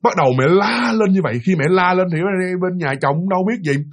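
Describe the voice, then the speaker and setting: A man, telling a ghost story in a lively, vivid way and often speaking straight to his listeners. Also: sits high, fast talker, breathy edge. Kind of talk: casual spoken ghost story.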